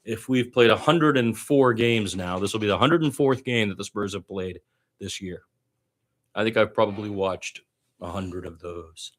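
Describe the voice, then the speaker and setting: A man does fan-style basketball play-by-play in the manner of amateur radio, speaking in short clipped phrases with opinionated asides. His lowish, slightly bright voice moves at normal speed.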